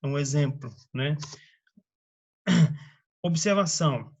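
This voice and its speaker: A man from Brazil, slowly giving a grammar lesson and reading out word lists with frequent checks on the listener. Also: fairly high pitch, expressive. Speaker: teacher. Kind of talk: slow spoken grammar lesson.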